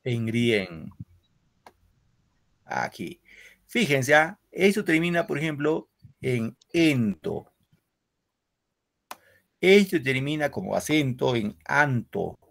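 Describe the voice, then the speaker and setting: A man's voice: mid-range voice, very animated, slow pace, vocal fry, pauses often, a bit bright. A man teaching a secondary school literature class over a video call. He explains step by step, quizzes his students and tags his sentences with "no?". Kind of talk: online class lecture.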